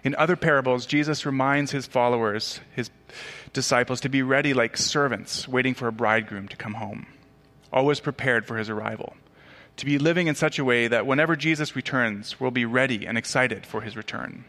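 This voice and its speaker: A man who grew up in Tanzania preaches to his church, his tone bright and forceful. He keeps it conversational, slipping in asides and correcting himself as he goes. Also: medium pitch, a little fast. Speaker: pastor. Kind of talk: sermon.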